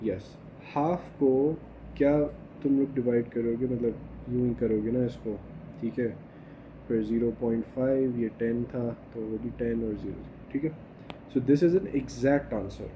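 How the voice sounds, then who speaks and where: A man teaching a math lesson, explaining step by step and often checking with his students. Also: medium pitch. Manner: mixes Hindi and English, checks understanding with "okay?". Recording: faint background noise.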